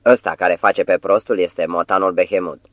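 Brief: audiobook, man as a lordly devil, deep and gravelly, commanding, dry close sound. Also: fairly even intonation, dry recording, close to an everyday voice. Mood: mock scolding. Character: imposing, mocking old devilish master.

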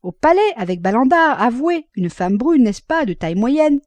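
A woman's voice: on the high side, very animated, moderate pace, darkish tone, no echo, voice pushed up. A woman doing a mocking young clerk. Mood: teasing. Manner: sarcastic, teasing. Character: young male law clerk, mocking and pushy.

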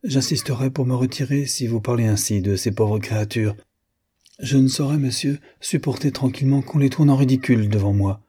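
A man's voice: medium pitch, fairly quick, dark tone, breathy edge, pitched above the performer's own voice, natural voice. A man voicing a prim, watchful housekeeper, a woman who speaks politely in a melancholy tone.

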